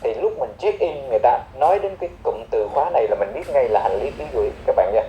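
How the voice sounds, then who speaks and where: A man teaching English airport phrases, explaining each one and repeating key words slowly. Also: medium pitch, sing-song, echoey room, lo-fi sound, slight background noise.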